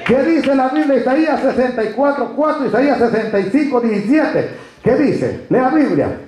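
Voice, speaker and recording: A man with a high voice preaches a sermon with emphasis. He calls out to his congregation often. The sound carries a heavy echo from a church hall. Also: expressive, moderate pace, darkish tone. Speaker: pastor.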